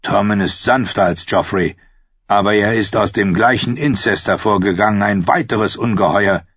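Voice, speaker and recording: A man's voice: on the low side, normal speed, fairly bright tone, slightly rough, no echo, muffled recording. A man voicing a stern, rigid middle-aged king in an audiobook, severe and clipped.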